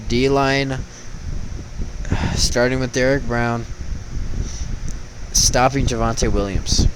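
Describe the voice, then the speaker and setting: A man's voice: mid-range voice, steady tone, takes it slowly, background noise. A young man giving casual sports commentary, chatty and slangy, talking straight to the teams. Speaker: sports vlogger.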